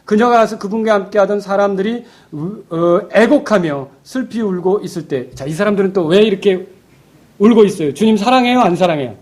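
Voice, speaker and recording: A male pastor preaching a sermon. He keeps asking the congregation questions and swings between loud, emphatic lines and hushed ones. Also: sits high, a little fast. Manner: peppers the congregation with rhetorical questions.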